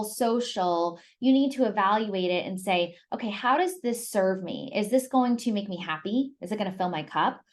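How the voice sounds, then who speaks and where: A woman presenting on an online group call, giving informal motivational advice and repeating phrases for emphasis. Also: medium pitch. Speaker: presenter leading the discussion.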